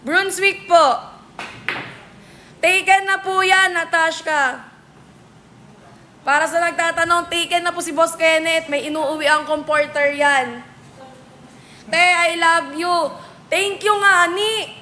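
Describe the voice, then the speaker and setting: A woman's voice: very high voice, slow pace, long pauses, pushed and bright. A woman hosting a casual live stream, answering viewer comments with playful, teasing comebacks. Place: billiards venue.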